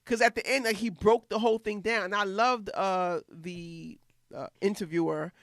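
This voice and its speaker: A woman's voice: mid-range voice, fairly even intonation, normal speed, dry recording, studio quality. A woman co-hosting a podcast in casual chat, rambling and profane, drifting off on tangents. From studied in Philadelphia. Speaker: podcast co-host.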